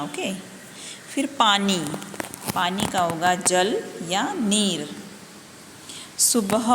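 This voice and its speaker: A woman's voice: medium pitch, fairly bright tone. A woman teaching a Hindi lesson to young children, patiently spelling out and repeating each word. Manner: slow, patient, spelling words out and repeating them. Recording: echoey room, faint background noise.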